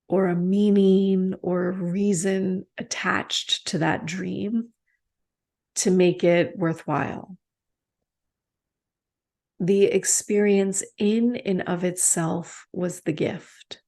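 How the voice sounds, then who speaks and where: A woman meditation teacher giving a reflective talk, gentle and unhurried, with soft pauses. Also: medium pitch, steady tone. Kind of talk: slow reflective dharma talk.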